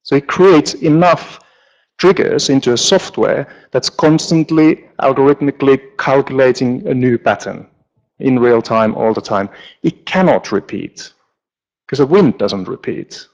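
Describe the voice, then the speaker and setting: A man speaks from a stage in a large auditorium, his pitch in an ordinary middle range. He presents like a lighting designer at a conference, easygoing and joking, with plenty of ums and restarts. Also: measured pace, highs cut off. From Finland. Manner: relaxed, joking, with frequent fillers.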